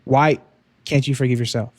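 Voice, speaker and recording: A man's voice: medium pitch, fairly even intonation, normal speed, no echo. A young man co-hosting a faith podcast, telling his testimony in an earnest, casual way with frequent "um" and "like". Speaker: podcast co-host.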